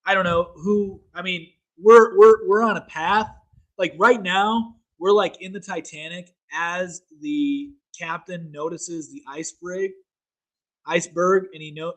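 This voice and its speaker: A man's voice: sits high, poor audio. A young man hosting a casual solo political talk show, rambling, repeating himself and using many fillers. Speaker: show host.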